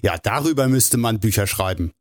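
A man voicing a calm, stocky male mechanic who teases his friend between laughs. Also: lowish voice, moderate pace, no echo, clean studio sound, lightly acted. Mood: amused. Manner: laughing, ribbing.

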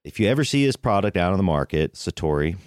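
Deep-voiced male podcast host, dry close sound. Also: big pitch swings, fast, a little mellow, no echo. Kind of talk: casual podcast introduction monologue.

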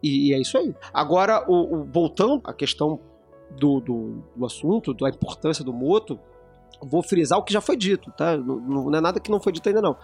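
A man's voice: fairly high pitch, expressive, brisk, vocal fry, darkish tone, faint music behind. A man co-hosting a casual podcast discussion, explaining at length with frequent restarts. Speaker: podcast co-host.

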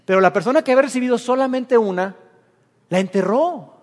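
High-voiced preacher in a reverberant hall. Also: male voice, brisk. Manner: storytelling, acting out the characters' lines. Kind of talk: sermon.

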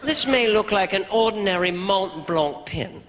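A man's voice: high voice, lively intonation, unhurried, fairly bright tone, muffled recording. A male comedian playing a stiff, fussy spy gadget master in a stand-up bit. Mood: prim. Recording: noisy live hall recording.

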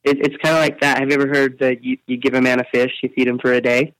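A man being interviewed on a podcast, telling stories in an animated way and often repeating his words as he talks. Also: medium pitch, quick pace, no echo, low-quality recording. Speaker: interview guest, speaker.

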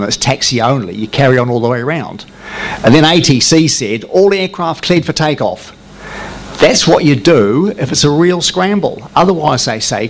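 An older man, a former military jet pilot, telling anecdotes to an audience with dry, self-mocking humour, acting out quoted radio calls in a raised voice. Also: medium pitch. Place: meeting room before a live audience.

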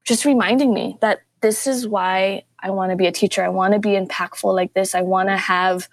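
A young woman talks casually as a guest on a podcast about teaching. She tells stories with lively energy and often jumps up in pitch to act out what people said. The sound is dry and close. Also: a little fast, no echo. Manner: animated storytelling, acts out quotes with pitch jumps. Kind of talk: casual interview talk.

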